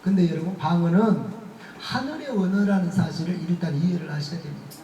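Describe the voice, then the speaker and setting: A man's voice: sits high, brisk, slight background noise. A male pastor preaching a revival sermon, telling stories with humor and laughter. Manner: humorous, animated storytelling with laughter. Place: church sanctuary. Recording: echoey church hall, voice from far off.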